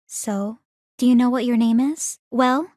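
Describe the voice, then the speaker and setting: This scripted video game dialogue features a young woman strategist, calm and analytical, who chooses formal words and delivers them in a measured, articulate way. Her voice is somewhat high and a little mellow. The sound is very dry, with no room sound at all.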